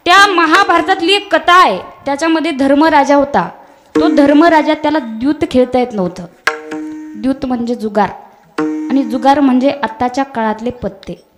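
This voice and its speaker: Woman kirtan preacher, high voice, direct storytelling to a village audience. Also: moderate pace, music in the background. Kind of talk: devotional sermon.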